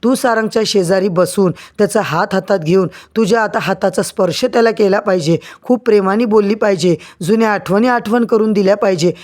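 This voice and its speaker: Patient doctor giving calm advice, read plainly by a woman narrator. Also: mid-range voice, fairly quick, hardly any pauses, natural voice. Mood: advising. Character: calm, reassuring male doctor.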